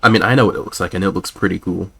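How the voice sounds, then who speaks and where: A man's voice: deep voice, racing, creaky, sharp tone, soft background music. A man streaming a video game and chatting casually, laid-back and joking. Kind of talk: casual let's-play commentary.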